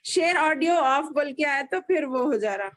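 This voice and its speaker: A woman's voice: sits high, animated, moderate pace, a bit bright. A woman teaching a children's Quran class over a video call, patiently spelling out each letter and vowel.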